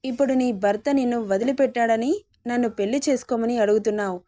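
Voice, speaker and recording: A woman's voice: a little high, quick pace, warm tone, dry recording, natural voice. A woman reading the lines of a callous young man who mocks his married lover, in a scornful tone. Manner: scornful, mocking.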